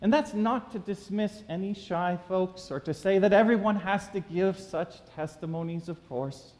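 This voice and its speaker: A man delivers a sermon from the front of a church sanctuary, reading scripture and telling a story with animated emphasis. His voice sits fairly high for a man, and a long reverb trails each phrase through the room. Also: moderate pace. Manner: animated preaching, reads scripture then tells a story. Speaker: pastor.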